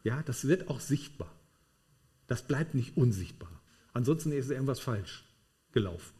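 A man's voice: medium pitch, expressive, normal speed, dark tone. A man preaching a sermon to a congregation in a room, emphatic and checking in with tag questions.

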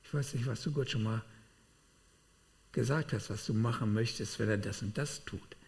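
A man preaching a sermon, telling personal testimony in an animated way with sudden swings between loud and quiet. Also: mid-range voice, moderate pace. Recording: long hall reverb.

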